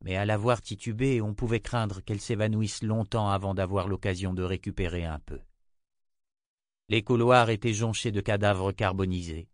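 A man reading fantasy fiction aloud in an even, measured narration. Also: fairly low pitch, no echo, studio quality. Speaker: audiobook reader.

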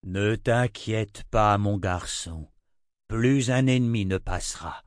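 A man voicing an old male prophet who speaks slowly and gravely, in a fatherly manner. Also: lowish voice, no room sound, studio quality. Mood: grave, weary.

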